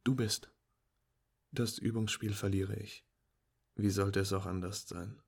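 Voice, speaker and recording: Male first-person narrator, low husky voice, calm and wry delivery. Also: measured pace. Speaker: storyteller.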